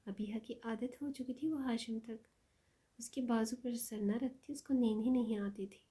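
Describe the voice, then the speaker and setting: A woman narrating an emotional story in a soft, half-whispered reading voice. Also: on the high side, steady tone, husky.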